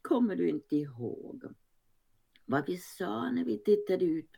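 A woman's voice: gravelly, slightly rough, heavily acted. A woman doing a bawdy, cheeky old lady. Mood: gleeful, bawdy. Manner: gleeful, animated, raises her voice high. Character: bawdy cheeky older woman, plump, unapologetic.

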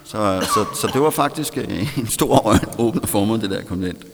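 A man's voice: on the low side, expressive, creaky, slight background noise. A man with a Danish accent telling a candid personal story in a self-mocking way, laughing often. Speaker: storyteller recounting recovery. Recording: long hall reverb.

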